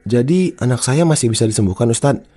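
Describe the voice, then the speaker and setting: Man voicing an anxious, mellow-voiced father. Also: medium pitch, animated, quick pace, breathy edge. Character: anxious, questioning father of a possessed son. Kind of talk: horror story character dialogue.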